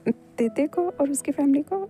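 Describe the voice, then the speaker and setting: A woman's voice: high-pitched, moderate pace, dark tone, soft background music, lightly acted. A woman voicing a polite, respectful younger brother in a Hindi fan dub, giving deferential replies.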